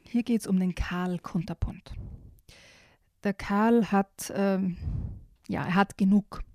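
Mellow-voiced woman reading children's books aloud. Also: mid-range voice, slow, no echo. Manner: lively storytelling with shifted voices for animals; talks directly to a child listener, with fillers. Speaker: children's book presenter.

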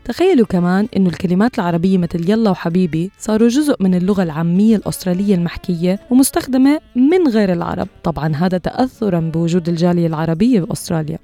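Brief: woman host, rapid scripted narration, low and warm. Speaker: podcast host.

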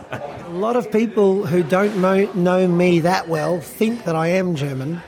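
Against the hum of a crowd in a busy beer hall restaurant, a slow-talking Australian band musician in his fifties rambles through a casual interview chat. His voice is high and his intonation fairly even, and he peppers his talk with fillers and laughs.

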